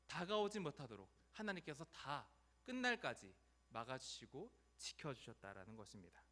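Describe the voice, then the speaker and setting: A male pastor preaching a sermon in an animated storytelling way, acting out the voices of the people in it. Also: sits high.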